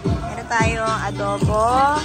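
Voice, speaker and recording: A woman's voice: a little high, slow pace. A woman vlogging a family night out, greeting and thanking people in a casual chatty way. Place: outdoor resort pool at night. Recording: loud music and crowd behind.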